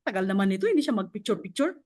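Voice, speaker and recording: A woman gives a casual motivational talk to an online audience, speaking off camera. She is a chatty, encouraging mentor who speaks directly to her listeners. Her speech is halting, full of fillers and restarts. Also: medium pitch, big pitch swings, darkish tone. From Philippines. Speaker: mentor sharing her success story. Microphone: off camera, online session mic.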